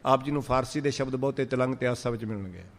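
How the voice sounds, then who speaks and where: A man with a Punjabi accent giving a sermon, drawing out verses slowly and then explaining them in lively speech. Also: mid-range voice, in a large hall. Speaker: Sikh preacher. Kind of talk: sermon on scripture.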